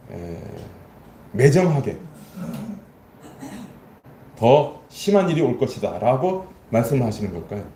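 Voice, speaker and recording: Animated pastor preaching in an echoey church. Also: male voice, mid-range voice, a little hiss or hum. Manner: animated, asks the congregation questions, acts out God's lines. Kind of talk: Sunday sermon. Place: church sanctuary.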